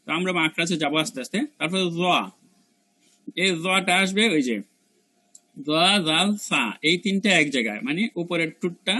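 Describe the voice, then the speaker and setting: A man teaching the pronunciation of letters in a lesson, patiently repeating each sound slowly and stretching it out. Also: on the high side, animated, sharp tone.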